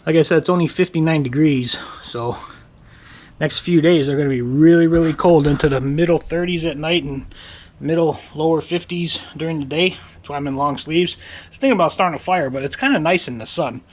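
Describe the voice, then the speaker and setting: A man's voice: fairly high pitch, fairly quick, darkish tone, rough recording. Rambling man vlogging in his yard. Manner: rambling, repeats himself, many fillers. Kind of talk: casual vlog chat. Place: outdoors in his backyard on a sunny day.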